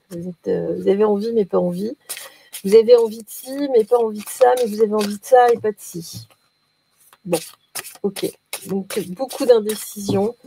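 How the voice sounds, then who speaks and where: Warm, gravelly-voiced woman reading oracle cards. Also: on the high side. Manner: chatty and playful, many hesitations. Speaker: oracle card reader. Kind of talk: casual daily card reading.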